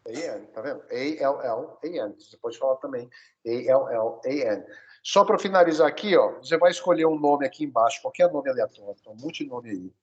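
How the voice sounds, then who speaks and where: A man from Brazil teaching a one-on-one English lesson, coaching his student and spelling words out slowly. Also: mid-range voice, expressive, a little mellow, dull audio.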